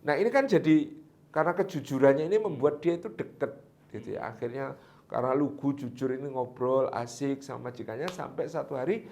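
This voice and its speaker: Lively storyteller man. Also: medium pitch, a little fast, gravelly. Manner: lively, animated, laughs at his own story. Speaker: religious storyteller. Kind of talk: casual storytelling chat.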